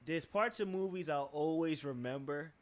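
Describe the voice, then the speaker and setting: A young man with a Boston accent co-hosting a podcast in casual chat, animated and profane, jumping from topic to topic. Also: a little high, normal speed. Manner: animated, swearing, jumps from topic to topic. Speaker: podcast co-host.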